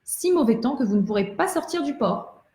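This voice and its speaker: Woman doing a small clever doll voice, storybook fortune-teller, calm and matter-of-fact, mellow tone, roomy echo. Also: fairly high pitch, a little fast, pitched above the performer's own voice, lightly acted. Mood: confident. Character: small talking rubber doll, female, shrewd fortune-teller.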